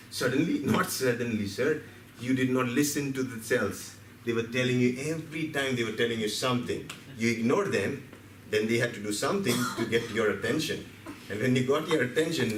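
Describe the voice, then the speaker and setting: A man's voice: mid-range voice, a little hiss or hum. A man from India, giving a seminar talk and telling stories to a live audience, asking them questions as he goes. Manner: storytelling, asks the audience questions, acts out his cells. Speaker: seminar speaker. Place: meeting hall. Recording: roomy hall from a distance, faint ambience.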